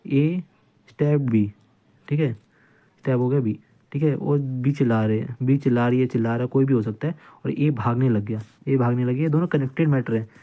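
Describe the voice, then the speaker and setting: Heard on a lo-fi recording, a mid-range male voice at moderate pace delivers a casual law lecture. This tutor retells cases to make his points, repeats phrases, and drops English legal terminology into his speech.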